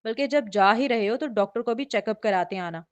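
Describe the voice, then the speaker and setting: Woman reading as a sharp-tongued young heroine. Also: fairly high pitch, a little fast, no echo, natural voice. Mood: sarcastic. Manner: sarcastic and snappy.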